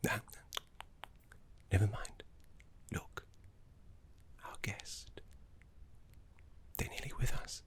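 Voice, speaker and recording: Man as Emmrich Volkarin, slow whispering necromancy professor. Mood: fussy, flustered. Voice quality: soft, breathy whisper. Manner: genteel, formal, measured, with dramatic pauses. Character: genteel, fussy, courteous male professor of necromancy. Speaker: ASMR roleplay performer. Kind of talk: ASMR roleplay.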